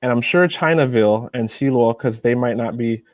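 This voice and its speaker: A man from the United States, a YouTuber guest, casually telling animated anecdotes and laughing often. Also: medium pitch, normal speed, no room sound. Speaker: interview guest, Chinese-teaching YouTuber. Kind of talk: casual storytelling in a video interview.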